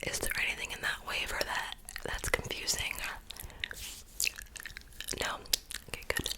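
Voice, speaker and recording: Woman in a whispered role-play. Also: a little slow. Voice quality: unvoiced, breathy whisper. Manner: soft, casual, chatty, reassuring. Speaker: ASMR creator playing a piercer.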